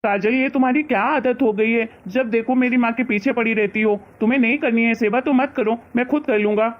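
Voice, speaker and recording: A woman voicing a dutiful grown son in a family skit, speaking calmly and soothingly. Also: fairly high pitch, fairly quick, muffled recording, close to an everyday voice. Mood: firm. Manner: soothing, conciliatory.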